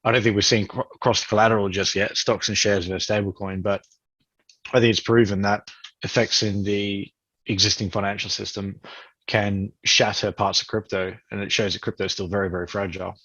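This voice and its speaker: A man on a group video call, talking in a quick, wry way. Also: lowish voice, little pitch movement, fairly bright tone, no echo. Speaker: participant. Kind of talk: casual group chat. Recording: dry muffled call audio.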